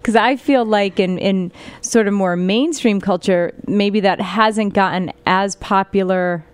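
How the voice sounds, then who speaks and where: A woman's voice: medium pitch, unhurried, smooth, dry recording. A woman hosting a podcast interview, chatting casually with fillers and restarts. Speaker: podcast host.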